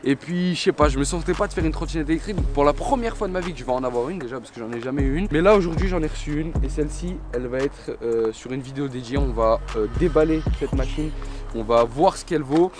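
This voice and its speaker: A man's voice: on the high side, quick pace. A man vlogging casually in French street slang, addressing viewers as mates while presenting a product. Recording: music behind the voice.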